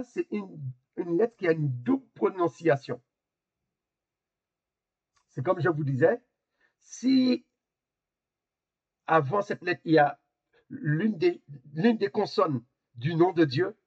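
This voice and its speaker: A man's voice: high voice, animated, slow, long pauses, husky, muffled recording. A man teaching a Hebrew lesson over a video call, explaining hesitantly and repeating words as he goes. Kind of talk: online class explanation.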